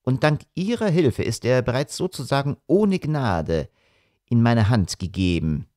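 A man's voice: medium pitch, sing-song, unhurried, no room sound. Intense commanding detective, read by a man, grave, urgent, dry read. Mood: grave hushed. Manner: grave, urgent, hushed to shouting. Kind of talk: audiobook character reading.

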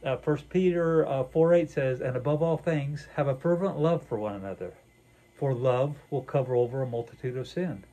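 A man's voice: mid-range voice, normal speed, mellow, poor audio. An older man, a pastor, talks through a sermon with a co-host in a small wood-paneled room, earnest and reflective with many "you know"s. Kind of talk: conversational sermon dialogue.

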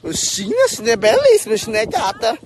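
High-voiced teasing man vlogging. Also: fast talker. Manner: playful, teasing, high and animated. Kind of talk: casual teasing chat. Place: rural home yard, doing laundry.

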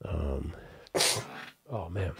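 This host's bass voice is very slow, gravelly and warm with a breathy edge and no echo. He's a congested man in his thirties, chatting casually alone in his home music studio as he plays piano, using a boom-arm studio mic and headphones. He rambles, speaks frankly and corrects himself as he goes.

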